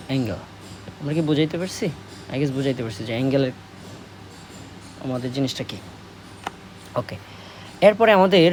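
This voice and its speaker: Brief: male math tutor, Bangladeshi Bengali accent, slightly high voice, patient quiz-and-answer delivery, faint hiss. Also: a little mellow. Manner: slow, repetitive, asks questions and answers them. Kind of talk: classroom lesson explaining at a board.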